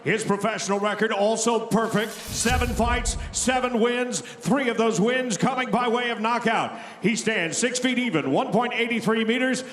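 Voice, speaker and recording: A man working as a ring announcer, booming out fight introductions with theatrical, drawn-out delivery. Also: a little hiss or hum. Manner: theatrical, drawn-out shouted name calls. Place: large indoor arena. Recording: echoey arena PA with long reverb.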